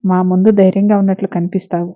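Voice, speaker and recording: A woman's voice: mid-range voice, level tone, fast, no echo, close to an everyday voice. Woman reading as an anxious, tender mother. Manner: soft, caring. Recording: narrow phone-like lo-fi sound.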